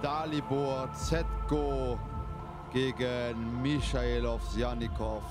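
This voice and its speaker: Male fight commentator over loud music. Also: medium pitch, flat delivery, slow pace. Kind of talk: live sports commentary.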